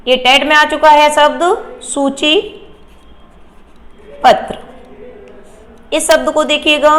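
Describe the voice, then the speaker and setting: A woman teacher giving a Hindi grammar lesson, explaining slowly and asking and answering her own questions. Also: sits high, fairly bright tone.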